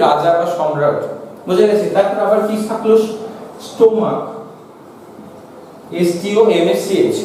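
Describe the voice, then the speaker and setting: A man's voice: high voice, dark tone, slight background noise. A man with a Bengali accent teaching a grammar lesson, asking his students questions and then answering them himself. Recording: echoey room from far off.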